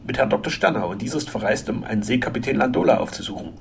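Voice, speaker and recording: A man voicing a burly, blunt French henchman who speaks gruffly and issues menacing warnings in a storybook reading. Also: medium pitch, animated, rapid-fire, slight background noise. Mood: superior.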